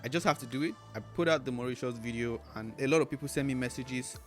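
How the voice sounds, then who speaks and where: A man's voice: medium pitch, fast talker, faint music behind. Man telling a travel story. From Nigeria. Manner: earnest, conversational, fond of "like" and "you know". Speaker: travel vlogger host. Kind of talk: casual personal storytelling to camera.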